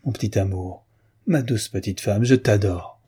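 A tormented, jealous young husband who swings between rage and tenderness, as the reader plays him. The voice is low, dark and husky. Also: male voice, normal speed. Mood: tender. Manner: pleading, feverish.

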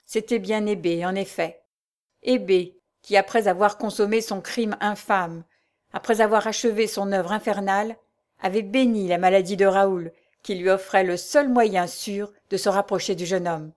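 A woman narrating a novel aloud in a measured, literary reading style. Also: medium pitch, fairly even intonation, darkish tone. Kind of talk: audiobook narration.

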